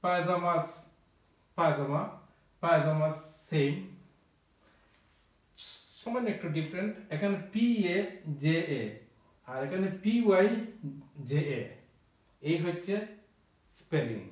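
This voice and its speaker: A man's voice: fairly high pitch, expressive, takes it slowly, pauses often, recorded from a distance. Echoey, off-mic male teacher. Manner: spells words out letter by letter. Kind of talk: vocabulary lesson.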